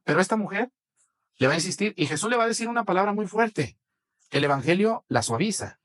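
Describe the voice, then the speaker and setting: A man's voice: high-pitched, lively intonation, quick pace, fairly bright tone. A man with a Mexican accent preaching a sermon, chatting with the congregation and asking them questions. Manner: conversational, asks the congregation questions. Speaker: priest.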